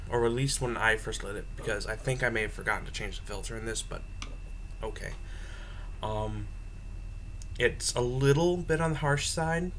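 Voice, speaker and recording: Young man, halting, noisy webcam audio. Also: mid-range voice, fairly bright tone. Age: young adult. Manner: halting, thinking aloud. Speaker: pipe tobacco reviewer. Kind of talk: casual unscripted review to camera. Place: small room at home, indoors. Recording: noisy home webcam recording.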